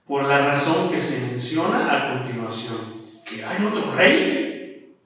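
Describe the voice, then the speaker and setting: Mexican pastor preaching in an echoey hall. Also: male voice, mid-range voice, expressive, takes it slowly, pushed and bright. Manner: emphatic, colloquial preaching, addresses listeners as brother. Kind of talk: sermon. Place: church. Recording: echoey church hall from far off.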